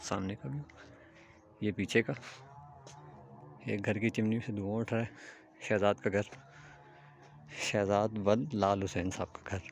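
A young man narrating a casual travel vlog while walking a village road, explaining step by step with pauses and fillers, filmed on a handheld phone at arm's length. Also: fairly low pitch, fairly even intonation, vocal fry. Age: young adult. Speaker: travel vlogger. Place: outdoors on a hillside village road. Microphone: phone camera held at arm's length. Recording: faint outdoor ambient noise.

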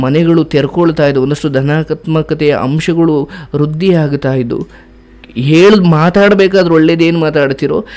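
A man's voice: a little high, darkish tone. A man giving spiritual advice as a host, earnest and preachy, ending with blessings. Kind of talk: advice talk.

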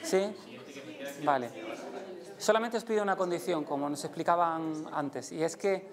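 A male conference speaker with a Spain Spanish accent talks to a live audience in a lecture room. He is animated and demonstrative, pitching his voice up and down to act out emotions as he teaches. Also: measured pace, crowd noise. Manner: lively, demonstrates voices with big pitch jumps.

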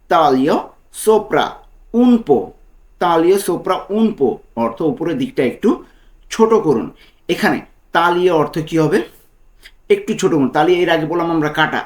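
A man with a Bangladeshi accent and a slightly high voice, teaching a lesson. He explains patiently and slowly repeats each phrase so learners can follow. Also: roomy sound. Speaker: language teacher.

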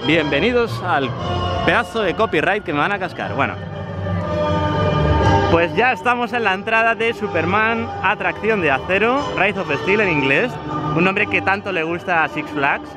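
A man's voice: sits high, expressive, normal speed. A man from Spain with a Spanish accent, vlogging casually while walking around an outdoor theme park, chatty and joking. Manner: chatty, jokey, walking commentary. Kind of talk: casual vlog walkthrough. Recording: loud music and crowd outdoors. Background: park music and crowd.

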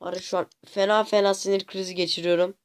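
A man hosting a gaming channel, commenting casually on his gameplay to viewers, often exasperated and complaining out loud at the game. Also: high-pitched, flat delivery, fast talker, smooth. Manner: talks to viewers directly.

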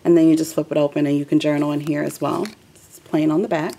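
Low raspy-ish woman talking thru her craft project, mellow and kinda um-y. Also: little pitch movement, fast talker. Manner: chatty, loose, many ums and asides. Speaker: craft video host. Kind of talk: casual craft walkthrough.

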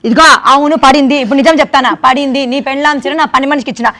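A woman playing a quarrelsome neighbor in a comedy skit, scolding in a combative, rapid-fire way. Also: sits high, fairly even intonation, fairly bright tone.

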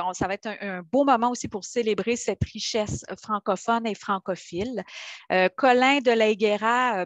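A woman's voice: mid-range voice, dry recording. A woman from Quebec with a Québécois French accent hosts an online webinar, talking in an enthusiastic, chatty way with frequent hesitations, heard over a video call. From Quebec, Canada. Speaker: webinar host. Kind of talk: live webinar moderation.

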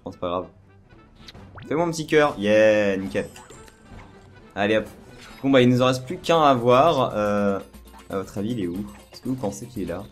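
A man with a hoarse, worn-out voice giving casual, excited gameplay commentary and repeating words in quick bursts. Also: on the low side. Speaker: let's play host. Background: video game music.

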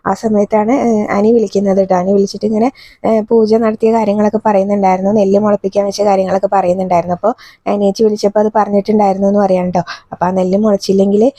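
A woman from Kerala retelling the plot of a TV serial in casual, fast speech, with frequent fillers. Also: mid-range voice, little pitch movement, dark tone, no echo. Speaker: TV serial recap reviewer. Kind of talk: casual spoken episode recap.

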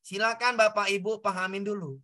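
A man's voice: sits high, steady tone, fairly quick, bright, forceful tone. A man tutoring an online class, explaining exam answers step by step, repeating key points and addressing students directly.

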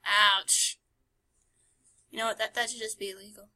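A woman's voice: mid-range voice, level tone, moderate pace, bright, forceful tone. A woman giving casual, playful and sarcastic commentary as she plays a game. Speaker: gamer narrating a playthrough. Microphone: screen recording voice-over.

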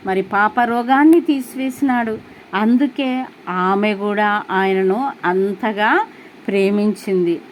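A woman's voice: fairly high pitch, a little hiss or hum. A woman preaching a sermon in an earnest way, asking her listeners questions as she goes.

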